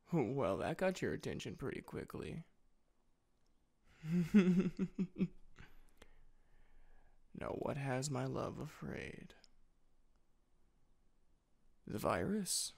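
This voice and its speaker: A man playing a sleepy, tender boyfriend in an intimate role-play audio, drowsily and gently reassuring his partner at night. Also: mid-range voice, creaky, full character voice. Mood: gently firm, teasing, then sleepy, reflective.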